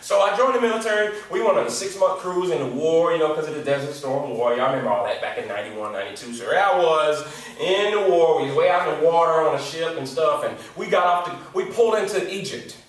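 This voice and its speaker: Animated high-voiced American man in an echoey hall. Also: quick pace. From Detroit, USA. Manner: animated, slangy, repeats for emphasis. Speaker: youth speaker. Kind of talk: motivational storytelling talk. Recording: echoey hall, distant mic.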